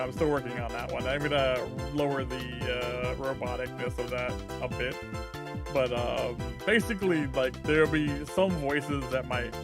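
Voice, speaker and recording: A man's voice: medium pitch, vocal fry. Rambling male vtuber streamer. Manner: rambling, thinking aloud with many fillers. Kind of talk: casual stream chat while working.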